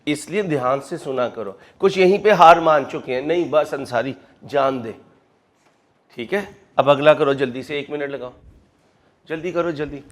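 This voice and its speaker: Animated male accounting lecturer, high voice. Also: normal speed. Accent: Pakistani Urdu. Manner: animated, addresses students as "beta", acts out student objections. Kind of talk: classroom lecture.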